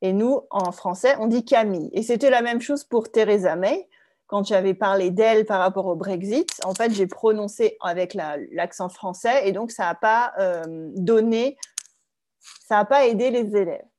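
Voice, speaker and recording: A woman teaching French in an online lesson, speaking clearly and slowly, often checking in with her students. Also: medium pitch, darkish tone. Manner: clear, slow, checks with "d'accord?".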